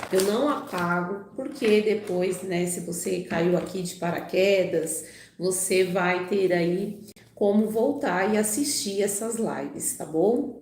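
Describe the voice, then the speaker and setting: On her livestream, a woman chats casually and reads scripture aloud, sprinkling in plenty of "né" and "tá bom." Her medium-pitched voice is a little mellow and a bit off because she is recovering from a cold. The sound is reverberant.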